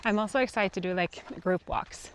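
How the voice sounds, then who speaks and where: A woman's voice: medium pitch, moderate pace, a little hiss or hum. Chatty woman talking while hiking uphill. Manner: chatty and animated, laughs often, repeats herself. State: out of breath from hiking. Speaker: co-founder. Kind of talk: casual chat on a walking tour. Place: outdoors on hilly open land.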